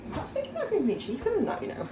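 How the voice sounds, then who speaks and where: In her home kitchen, a young vlogger from Yorkshire, England, chats to camera in a very high-pitched voice with huge pitch swings, speaking very fast and rambling with fillers. She sits far from the mic, and the echoey room carries background noise.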